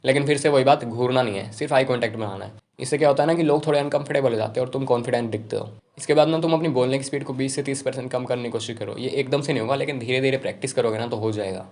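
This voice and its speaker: A young man giving casual self-improvement advice to camera, talking rapidly and informally. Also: mid-range voice, darkish tone. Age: young adult.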